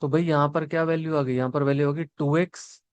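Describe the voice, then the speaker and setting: A young man teaches a maths lesson, explaining step by step and asking his students questions that he then answers, mixing Hindi and English. His voice is on the high side and clean, with fairly even intonation, a fast pace, and no room sound.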